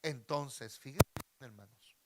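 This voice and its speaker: A man from Mexico preaching a sermon to his congregation, swinging between loud emphatic bursts and quiet asides. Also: medium pitch, slow. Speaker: pastor.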